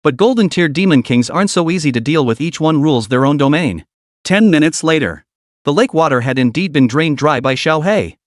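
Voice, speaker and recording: A male narrator giving a scripted recap of a fantasy comic. His voice sits slightly high and swings lively in pitch. The room sound is dry and close. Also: brisk, no echo.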